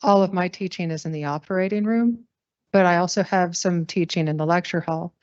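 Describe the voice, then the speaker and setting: Low-voiced woman senator asking questions. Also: a little fast, a little mellow, smooth, no echo. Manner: candid, slightly self-deprecating. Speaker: faculty senator, surgeon. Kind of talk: meeting question. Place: auditorium. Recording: dry, dull lo-fi sound.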